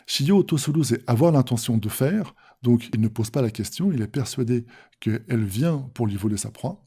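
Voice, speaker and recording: A man's voice: medium pitch, lively intonation, moderate pace, dark tone, breathy edge. A man teaching a lesson, reading Japanese phrases aloud and then explaining each one patiently and step by step. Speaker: language teacher. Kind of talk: explanatory lesson on manga text.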